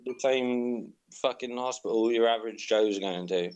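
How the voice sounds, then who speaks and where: A man's voice: medium pitch, moderate pace, a little mellow, smooth, muffled recording. A man calling in to a casual chat, blunt, swearing heavily and laughing often. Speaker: guest on a call.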